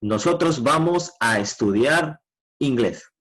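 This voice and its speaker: Guy teaching kids english online, husky voice, keeps asking ya?. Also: mid-range voice, expressive, fairly bright tone, low-quality recording. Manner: patient, repeats "¿ya?" checks, models English sentences slowly. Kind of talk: online class explanation.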